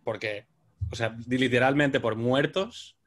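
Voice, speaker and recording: A man's voice: mid-range voice, unhurried. A man asking a question in an online academic discussion, with stammering starts to his phrases. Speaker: seminar participant asking questions. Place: online video call.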